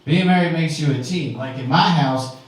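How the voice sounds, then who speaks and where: A man's voice: on the high side, moderate pace. A man in his forties performing a stand-up set in a wry, conversational, punchy way. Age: 40s. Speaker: stand-up comedian. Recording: very echoey room, distant mic, faint ambience.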